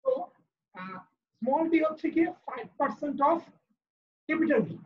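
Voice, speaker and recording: A man's voice: very high-pitched, lively intonation, measured pace. A man with a Bangladeshi accent teaching physics in a live online class, explaining step by step and patiently. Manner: patient, explaining step by step, switching to English for terms. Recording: muffled lo-fi video call audio.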